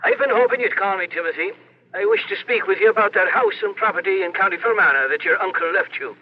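A man acts an old solicitor in a vintage radio play, guarded and foreboding. The voice is high for a man, deliberate and avuncular, on a dull, faintly noisy recording. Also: close to an everyday voice. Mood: wary. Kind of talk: old-time radio drama acting.

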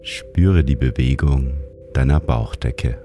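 A man narrates a guided sleep meditation in a soothing, calm manner, like a sleep-story narrator. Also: very deep voice, slow pace, music in the background. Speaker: meditation guide and show host.

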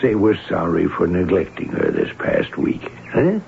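A man's voice: low-pitched, big pitch swings, unhurried, vocal fry, exaggerated voice. An actor playing a neighbor man who watches and reports what he sees, in an old radio drama. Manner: observant, describing what he sees. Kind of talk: 1940s radio acting. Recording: noisy, tinny old radio recording.

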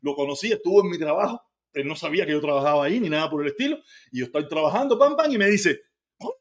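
A livestream host from Cuba, speaking with a Cuban accent in a slightly high voice with lively intonation, responds to viewer comments. He's heated and argumentative, talking fast and saying things more than once.

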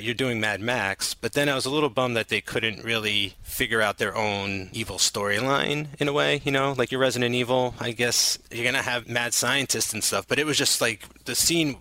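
A man's voice: medium pitch, sharp tone, no echo. A man co-hosting a podcast, chatting casually and wryly about a horror movie with lots of fillers. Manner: chatty, wry, many fillers. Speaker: podcast co-host. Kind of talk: casual movie review chat.

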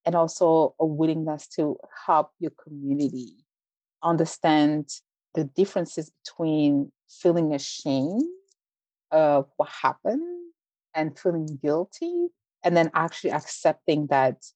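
Interview guest, woman, deep voice, measured and earnest. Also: big pitch swings, darkish tone, no echo, poor audio. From Belgium. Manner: earnest, measured, frequent "like" fillers. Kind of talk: interview conversation.

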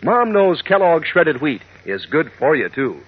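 Old radio announcer, man, very animated intonation, husky edge, peppy slangy ad pitch, dull vintage recording. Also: measured pace. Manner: folksy, peppy salesmanship with slangy phrasing. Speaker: commercial announcer.

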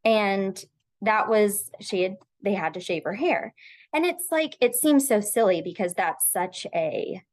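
A woman's voice: medium pitch, expressive, unhurried. A woman in her thirties, a podcast guest telling a personal story, speaking reflectively with frequent restarts and filler words.

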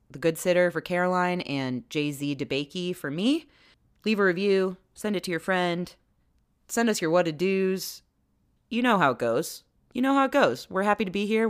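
A woman podcast co-host with a fairly low voice that swings widely in pitch. She chats casually and playfully, easygoing in tone, often repeating short phrases. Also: lively intonation, normal speed, clean tone. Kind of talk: casual comedic chat.

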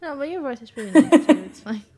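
A woman with a soft, soothing voice, hosting a podcast in casual chat and laughing often. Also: high voice, animated, fast talker. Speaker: podcast host.

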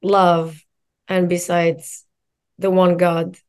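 A woman's voice: lowish voice, level tone, drawn-out words, darkish tone, smooth. A woman from Morocco, a mindset coach and guest, telling her story in a reflective way and stringing together lists of phrases. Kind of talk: casual interview conversation.

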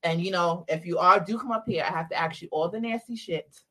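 A woman's voice: fairly low pitch, a little fast, background noise. A woman co-hosting a podcast in casual, playful, blunt chat. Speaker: podcast co-host.

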